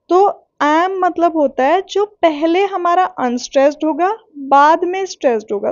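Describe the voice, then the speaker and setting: A woman teaching literary terms in a patient, explaining way, repeating checks like "okay" and reading definitions slowly. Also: high-pitched, darkish tone, no room sound, highs cut off. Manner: patient, repeats points with "ठीक है" and "okay"; reads English definitions slowly. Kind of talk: explaining lesson in Hindi-English mix.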